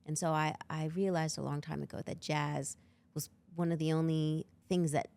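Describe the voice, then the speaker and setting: Lively low-voiced woman guest telling stories. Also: moderate pace, gravelly, clean tone. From Canada. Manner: animated storyteller, acts out quoted people. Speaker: guest musician. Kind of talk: reflective interview conversation.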